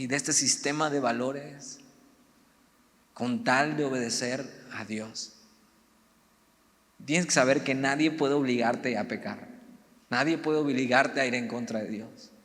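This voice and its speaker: A man's voice: medium pitch, slow, a bit bright. A man preaching a youth sermon in a conversational way, with humorous asides. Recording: reverberant hall.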